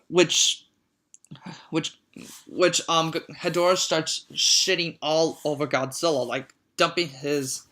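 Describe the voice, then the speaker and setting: A casual film recap from a reviewer with a bright, forceful voice at a mid pitch. The talk stumbles and restarts constantly and repeats words. It drifts into disbelieving, amused asides. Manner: rambling, halting, with many restarts and repeated words; easily amused, reacts with disgust and disbelief. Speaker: movie reviewer.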